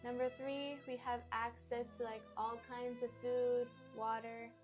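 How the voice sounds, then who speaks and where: A woman's voice: on the high side, flat delivery, measured pace, faint music behind. A young female interviewee answering questions in a casual, chatty way.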